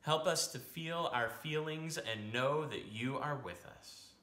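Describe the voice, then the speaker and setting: This young American man, speaking as a pastor, delivers a children's sermon with simple, reassuring phrasing, taking it slowly. His voice is a little high with a sharp tone. The small home room he's in sounds echoey, with faint noise in the background.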